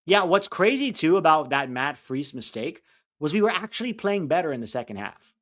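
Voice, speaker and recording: A man whose voice is fairly high, sing-song and a bit bright co-hosts a live-stream soccer watch-along. He chats casually with a hard-to-place mixed accent, sharing blunt opinions and venting frustration quickly as the match unfolds.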